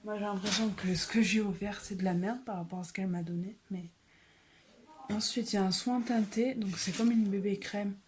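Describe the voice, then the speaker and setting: Soft-spoken woman with a mellow voice. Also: mid-range voice, steady tone, brisk. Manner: soft-spoken, often dropping into a whisper. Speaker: beauty vlogger. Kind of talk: casual haul vlog. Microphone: phone.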